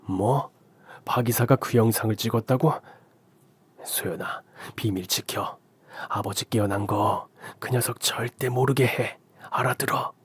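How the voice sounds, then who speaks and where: A man voicing an older injured father, a cunning and secretive chairman, who talks slowly in hushed, commanding tones. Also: medium pitch, fairly even intonation, breathy edge, no echo. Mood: hushed, grave. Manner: hushed, slow and commanding, often whispered.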